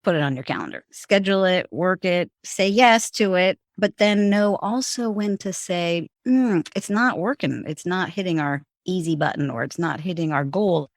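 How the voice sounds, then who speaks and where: A middle-aged woman with a fairly low voice, a former bank executive, tells the story of her career as a guest on an interview show. She talks conversationally at a moderate pace with few pauses, though she often restarts her sentences. The studio-quality recording has no room sound.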